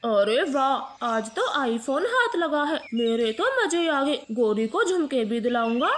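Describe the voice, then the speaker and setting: A woman voicing a boastful thieving male crow in a cartoon, lowering her voice into a brash, bragging tone. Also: big pitch swings, slow, slight background noise, full character voice. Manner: cocky, then pleading.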